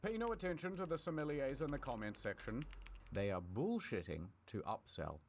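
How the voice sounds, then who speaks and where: A man's voice: medium pitch, big pitch swings, normal speed, a little hiss or hum. A man delivering comedic scripted narration in a theatrical, mock-serious, punchy way. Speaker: video narrator and ad presenter.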